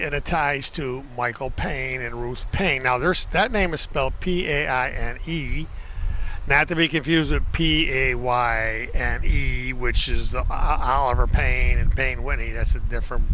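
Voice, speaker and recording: A man speaks to his viewers on a walk across a college campus, bright and forceful in tone and sitting in the middle of the male range. He rambles, corrects himself and speaks to the audience as folks. Faint outdoor street noise and the odd passing vehicle sit under his handheld camera audio. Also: mid-range voice, a little slow, low-quality recording. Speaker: video tour guide. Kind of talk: casual walking-tour vlog.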